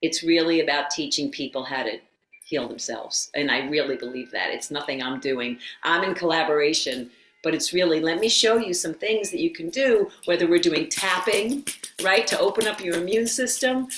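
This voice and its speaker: A middle-aged woman, a yoga teacher and former occupational therapist, telling her story as a guest in a casual interview, animated and quick to laugh. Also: low voice, a little hiss or hum. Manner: animated storyteller who acts out quotes and laughs often. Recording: roomy echo.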